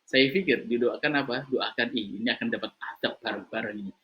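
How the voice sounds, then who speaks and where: A man giving a lively religious motivational talk, telling stories and shouting out the voices of their characters. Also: a little fast. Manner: animated storytelling, acting out voices in a high shout. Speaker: preacher. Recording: slightly dull lo-fi recording.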